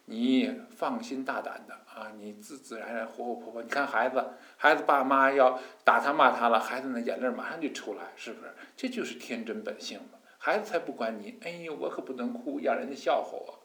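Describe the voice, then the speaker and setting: Animated, folksy man preaching in an echoey room. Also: mid-range voice, a little fast, few pauses. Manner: animated and folksy, with mock voices and hushed asides. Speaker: Buddhist teacher. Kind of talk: colloquial sermon explaining scripture.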